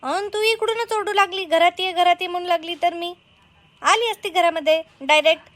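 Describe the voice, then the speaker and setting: A woman's voice: very high-pitched, moderate pace, fairly bright tone. A woman doing a chatty village neighbour.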